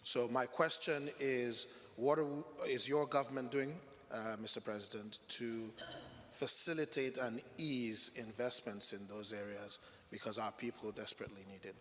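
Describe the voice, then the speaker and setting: A man's voice: medium pitch, steady tone, moderate pace, a bit bright. Man from Nigeria, earnest audience questioner, faint hall noise. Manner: earnest, with fillers. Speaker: audience member. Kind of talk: asking a question at a forum.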